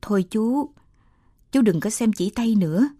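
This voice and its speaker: A woman's voice: mid-range voice, animated, unhurried, dark tone, dry recording, clean studio sound. A woman voicing a frightened young mother of three who speaks in an anxious, pleading way.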